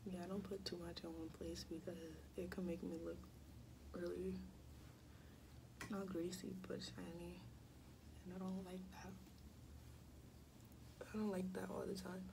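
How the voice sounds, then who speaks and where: A young woman chatting casually in a vlog, often dropping into soft whispers, in a small dorm room. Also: fairly low pitch, flat delivery, a little slow, vocal fry, long pauses, noisy background. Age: young adult. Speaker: vlogger.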